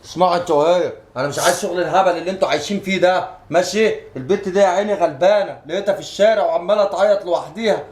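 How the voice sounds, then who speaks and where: A man's voice: high voice, a little mellow, slight background noise. A middle-aged man with an Egyptian Arabic accent, playing a scolding, order-giving father in a casual family skit. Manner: bossy, scolding, quick to give orders.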